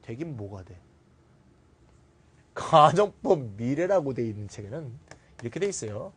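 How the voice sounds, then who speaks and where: A man's voice: medium pitch, moderate pace, husky. A man teaching an English grammar lecture, asking questions and answering them himself, and ranting bluntly. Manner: animated, rants and scolds in blunt slang. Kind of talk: classroom lecture.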